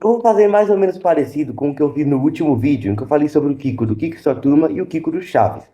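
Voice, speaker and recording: Facing the camera, a Brazilian man gives relaxed review commentary on his YouTube channel and lays out his views directly to viewers. His voice is on the high side but dark in tone, animated and quick. The audio is roomy and echoey, with a little hiss or hum.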